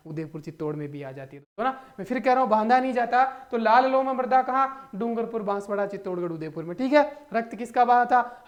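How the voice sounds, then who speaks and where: Exam-prep teacher: a high-voiced man who rattles off memory tricks and quizzes his students as he goes. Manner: playful, teaches with mnemonic stories and rhetorical questions; addresses students as brother and friends. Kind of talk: energetic exam-prep lesson.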